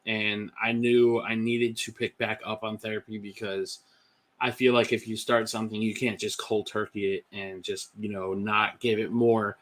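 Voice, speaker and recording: Guest voice: man with a low, bright, forceful tone, candid and meandering, casual testimony. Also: flat delivery, moderate pace. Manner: candid, rambling with many "like"s and "um"s. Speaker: podcast guest.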